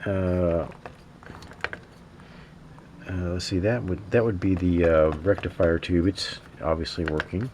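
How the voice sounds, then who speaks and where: Working at an indoor bench, a hobbyist radio repairer talks through what he's doing, hesitant and halting as he muses to himself. He speaks in a low, steady, slightly mellow voice, with a little hiss or hum present.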